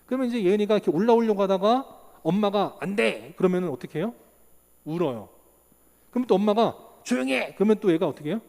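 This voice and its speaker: A man's voice: sits high, quick pace. A man in his thirties preaching a sermon as pastor, asking rhetorical questions and acting out the people in his stories. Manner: animated preaching, acts out quotes, rhetorical questions. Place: church sanctuary. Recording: long reverb of a church hall.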